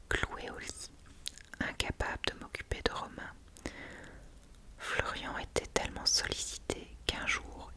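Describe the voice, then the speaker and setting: A reader narrates a novel for ASMR in a soft whisper. The delivery stays hushed and breathy, as if whispered in a library, with the voice almost entirely unvoiced. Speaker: audiobook-style reader.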